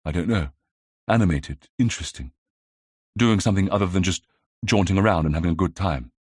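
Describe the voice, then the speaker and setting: A man's voice: low-pitched, fairly quick, a little mellow, husky, dry recording, clean studio sound. A man voicing a spirited young 1920s English lady in an audiobook, prim and easily cross. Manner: huffy, prim. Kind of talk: audiobook character reading.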